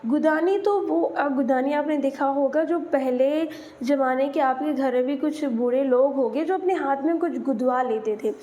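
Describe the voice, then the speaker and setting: High-voiced patient woman teacher. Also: normal speed, mellow. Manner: patient, explains English words in Hindi and spells them letter by letter. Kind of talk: exam-prep lesson explanation.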